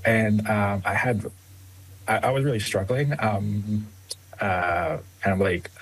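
Answering interview questions as a guest author, a young man from the Philippines, Tagalog his first language, speaks slowly in a husky, lowish voice. He says um often and laughs softly, and the audio is poor.

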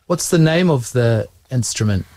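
A man's voice: mid-range voice, lively intonation, normal speed, a little mellow, no room sound. A man, a school teacher patiently asking his students encouraging questions. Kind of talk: interviewing students.

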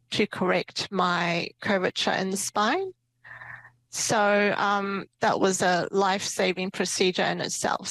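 As a podcast guest, a woman shares her personal story informally and with good humour: born in Myanmar, she moved to New Zealand as a child and now works as a property investor and entrepreneur. Her mid-range voice is a bit bright, and the recording is dry with poor audio.

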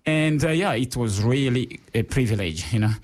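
A man from Rwanda co-hosting a casual radio chat show, talking in an animated way with many fillers. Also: medium pitch, normal speed. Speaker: radio co-host.

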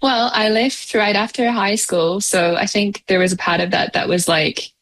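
The interviewee is a young woman musician from New Zealand whose accent blends New Zealand and Canadian sounds. She talks casually at a normal speed in a mid-range, fairly bright voice with fairly even intonation, laughing and using lots of fillers.

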